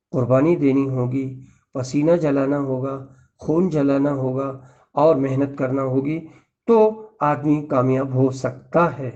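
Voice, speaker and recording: A man's voice: medium pitch, mellow. A man giving an Islamic lecture, earnest and admonishing, working through numbered points and repeating lists. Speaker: Islamic preacher. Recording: dull lo-fi recording.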